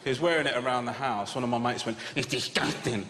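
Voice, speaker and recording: A man in his thirties performing a stand-up comedy set, animated and swearing freely as he acts out quoted lines. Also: mid-range voice, very fast, a crowd in the background. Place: large comedy venue with a live audience. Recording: hall reverb with loud audience laughter.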